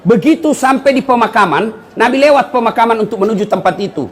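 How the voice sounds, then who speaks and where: A male Islamic preacher giving a humorous sermon to a congregation, telling animated stories and turning to the audience with joking asides. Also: extremely high pitch, fast.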